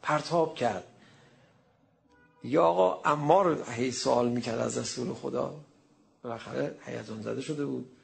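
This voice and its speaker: A male preacher with a gravelly, creaky voice delivers a sermon as a story. His pitch sits in the ordinary middle range. He narrates in an animated way, slipping into the voices of the people he quotes. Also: long pauses.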